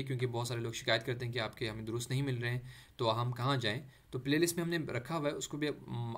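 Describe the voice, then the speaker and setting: Man, Quran letter lesson, patient and repetitive, medium-pitched voice. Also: fairly bright tone. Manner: patient, repeats letters slowly, stretches recited words; mixes in English words. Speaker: Quran reading teacher.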